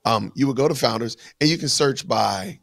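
A man's voice: medium pitch, moderate pace, creaky, a bit bright, dry recording, studio quality. A man explaining things step by step in a casual livestream chat, with frequent fillers and restarts.

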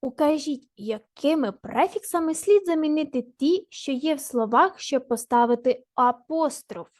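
A woman teacher giving a recorded grammar lesson to children, slowly and deliberately spelling out the parts of each word. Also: high-pitched, lively intonation, dry recording, studio quality.

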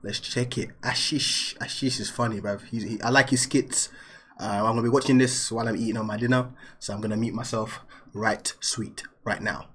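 A man's voice: fairly low pitch, steady tone, a bit bright, a little hiss or hum. A man reacting casually to a comedy video, slangy and incredulous. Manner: slangy, incredulous, drawn-out remarks.

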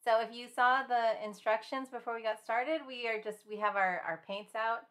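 A woman teaching a live-streamed finger painting class in a chatty, gentle way, with many fillers and small laughs. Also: fairly high pitch, steady tone, normal speed. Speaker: art instructor.

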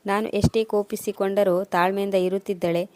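A woman reads a scripted first-person story at a steady, even pace. Her voice stays flat and level, sitting at an ordinary pitch. The recording is close and completely dry, with no room echo. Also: brisk.

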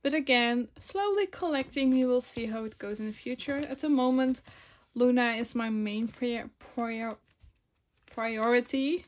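With an unhurried, fairly even delivery and a high-leaning voice, a woman in her twenties sorts photocards and rambles softly, fixing her own words as she goes. She's from Belgium, a native Dutch speaker, recording her vlog on a phone camera.

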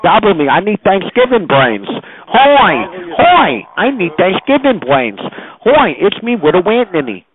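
A man's voice: high voice, sing-song, unhurried, phone-quality sound. A man in his forties rambling crudely on a phone chat line, breaking into singsong noises. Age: 40s.

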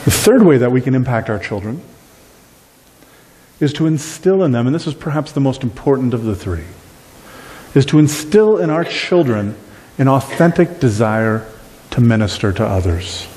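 A middle-aged man preaches with animated emphasis from the pulpit of a small church. His voice is mellow and dark, and it rings out in a long hall reverb, picked up by a camera at the back of the room. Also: mid-range voice, normal speed, pauses often. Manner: animated preaching with wide gestures. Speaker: pastor. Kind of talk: sermon. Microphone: far camera at back of room.

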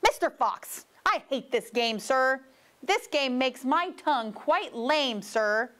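A woman's voice: high-pitched, lively intonation, slow pace, fairly bright tone, full character voice. A woman voicing a polite, flustered male storybook creature who pleads and complains in exasperation. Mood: weary protest.

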